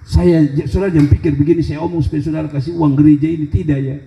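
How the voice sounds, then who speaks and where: A pastor with a Kupang Malay accent preaching a sermon in church, animated and rising to shouts, slipping into local dialect. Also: male voice, a little high, fast talker, creaky, roomy sound, dull audio, slight background noise.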